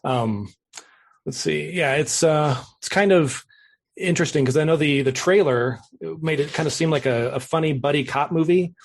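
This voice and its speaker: A man in his forties hosting a casual movie podcast, easygoing and quick to laugh. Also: fairly high pitch, creaky. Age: 40s. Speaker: podcast host. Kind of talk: casual chat.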